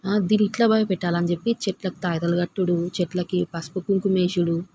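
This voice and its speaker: Agitated woman, gravelly and dark, for an emotional personal grievance. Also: on the low side, little pitch movement, fairly quick, slight background noise. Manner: agitated, complaining, quoting others sharply. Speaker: daughter-in-law telling of a family dispute.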